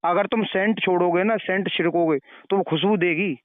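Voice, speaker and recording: A preachy man with a high-pitched voice speaks at a moderate pace on a narrow, tinny phone line with no echo. As the caller in this phone conversation, he questions and advises the other party, moralizing and repeating phrases.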